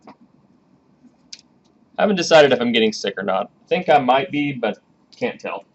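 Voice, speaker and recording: A man in his thirties lectures a programming class in a classroom, speaking at normal speed in an animated, medium-pitched voice. He's chatty and casual and coaxes students to ask questions. The recording is dull and lo-fi with faint hiss.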